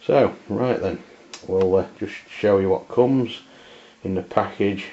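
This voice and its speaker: Pitched fairly low and mellow, an English amateur radio reviewer stumbles through an improvised product demo in everyday words. The recording comes from a dull, lo-fi camera mic.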